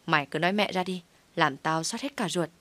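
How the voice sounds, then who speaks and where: Woman reading worried young guy friend, quick and fretful, low dry voice. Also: a bit bright, dry recording, lightly acted. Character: young man, worried loyal office friend.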